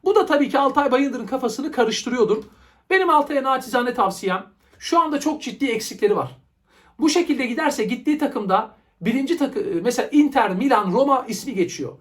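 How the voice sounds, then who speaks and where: Male football show host, high voice, explanatory and opinionated, delivering transfer news to viewers. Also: expressive, brisk. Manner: explanatory, opinionated, uses rhetorical questions.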